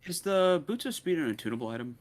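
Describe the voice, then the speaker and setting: A man's voice: high voice, big pitch swings, fast talker. A man playing a tabletop role-playing game, talking casually and partly in character. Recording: clear background noise, keyboard typing.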